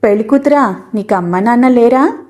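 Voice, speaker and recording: A woman's voice: fairly high pitch, normal speed, darkish tone, lightly acted. A woman voicing a sly, mocking village gossip. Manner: mocking, needling.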